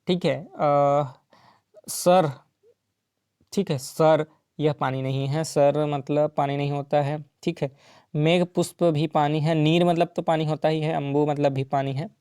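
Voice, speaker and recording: A man tutoring for an exam, his voice mellow and smooth, recorded dry and close. He works through each question step by step and checks in often with the listener. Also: on the high side, steady tone, measured pace, dry recording. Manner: explains step by step with frequent "ठीक है" and "है ना". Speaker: teacher solving exam questions. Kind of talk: exam-prep lesson.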